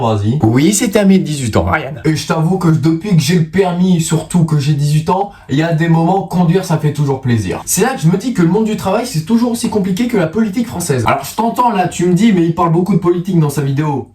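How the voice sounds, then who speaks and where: A man's voice: fairly high pitch, lively intonation, fast, hardly any pauses, dark tone, reverberant. A man of about nineteen from France with a lisp on his s and z sounds, chatting casually to viewers in a joking, self-mocking, slangy way. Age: around 19. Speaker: video creator. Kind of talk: casual vlog monologue to the viewer. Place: bedroom at home.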